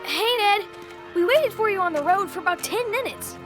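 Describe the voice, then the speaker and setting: A blunt, teasing young animal kid voiced by a woman tosses off dry remarks in a very high voice that rises and falls. Music plays clearly underneath. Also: animated, moderate pace. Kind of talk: radio drama acting.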